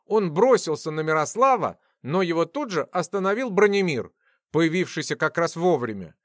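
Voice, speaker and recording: A man reads a fantasy novel aloud with expressive, story-driven delivery. His voice sits fairly high and moves in a lively way through each sentence. The recording is close and completely dry. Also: moderate pace, dry recording. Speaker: audiobook narrator. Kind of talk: scripted fantasy narration.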